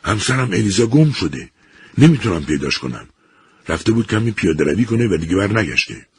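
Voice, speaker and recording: A man's voice: a bass voice, slight background noise. A man voicing an anxious middle-aged professor who talks urgently and frantically about his missing wife. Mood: frantic.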